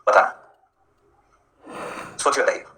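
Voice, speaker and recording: A man's voice: slow, pushed and bright, reverberant, rough recording. A male teacher giving a live online lecture in a chatty, jokey way, answering students by name as he explains.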